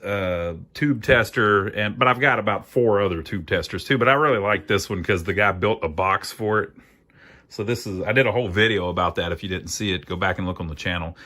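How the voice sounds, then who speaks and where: Fairly low in pitch but bright and forceful, this man's voice guides a hands-on repair on his amateur electronics channel. He chats in a relaxed, folksy manner, reasoning aloud as he goes.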